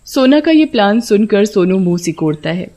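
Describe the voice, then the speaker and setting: A woman narrating an animated horror story in a steady storytelling voice. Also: mid-range voice, normal speed.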